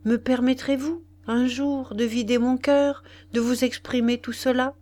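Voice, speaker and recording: An ardent young lover pleads in a soft, insistent voice, as a woman reads him aloud. His words come slowly and carefully, pressing and passionate, in an audiobook. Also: high-pitched, steady tone, pitched above the performer's own voice. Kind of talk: audiobook character voice.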